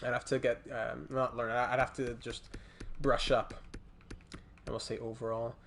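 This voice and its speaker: On his hockey game livestream, a Montreal-accented man from Montreal, Canada, mixes casual chat with game commentary, thinking aloud haltingly and pausing to respond to chat. His medium-pitched voice is flat, creaky, and a bit bright, with slight background noise.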